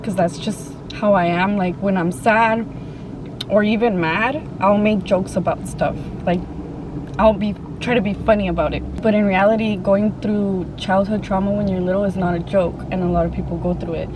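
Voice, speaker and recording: A woman chatting casually and haltingly to viewers in slangy, informal speech while eating, sometimes with her mouth full. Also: mid-range voice. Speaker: mukbang vlogger. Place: open-top Jeep outdoors. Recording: clear car and outdoor ambient noise.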